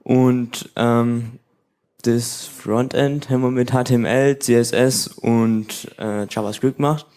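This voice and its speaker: Male presenter at mid pitch, covering technical details in a brief, halting delivery. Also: steady tone, a little mellow. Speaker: team presenter at a hackathon.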